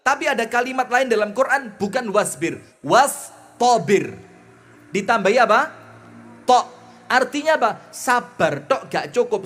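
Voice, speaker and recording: A man with a Javanese accent preaching a lively sermon, chanting Arabic phrases slowly and then explaining them in a chatty, folksy way, swinging between loud emphasis and soft asides. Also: sits high. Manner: folksy, mixes in homely jokes. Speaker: Islamic preacher.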